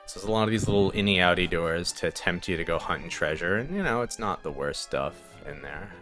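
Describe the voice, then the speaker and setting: Deep-voiced man rambling over gameplay. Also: lively intonation, fairly quick, fairly bright tone, faint music behind. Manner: rambling, chuckling, lots of fillers. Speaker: let's play host. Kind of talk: casual gameplay commentary.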